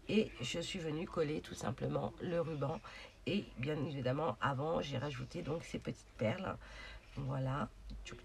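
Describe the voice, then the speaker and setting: A woman's voice: low-pitched, gravelly, a little mellow, slight background noise. A woman hosting a casual crafting tutorial, chatty and hesitant, with many fillers as she talks through her project. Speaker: craft channel host.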